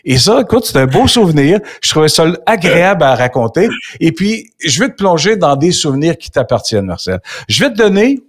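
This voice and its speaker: A man's voice: fairly high pitch, sing-song, a little fast, hardly any pauses. An older man with a Québécois accent hosting an interview, telling a personal anecdote with lots of quoted dialogue. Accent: Québécois French. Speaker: interview host. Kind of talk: casual storytelling interview.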